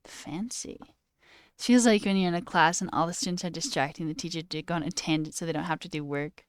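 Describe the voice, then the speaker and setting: A woman's voice: sits low, fairly even intonation, a little fast, no echo, clean studio sound. A woman livestreaming who chats casually with viewers and rambles through stories, often saying "like.". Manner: rambling, tangent-prone storytelling; swears casually, says "like" often. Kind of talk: casual chat with live chat. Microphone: headphones with a cord.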